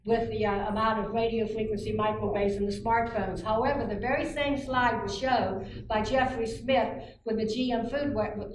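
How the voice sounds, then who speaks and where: A woman's voice: a little high, noisy background. A woman in the audience making earnest, detailed remarks at a public meeting. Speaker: audience member making comments. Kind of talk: comment from the floor. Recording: echoey hall, distant from the mic, with crowd.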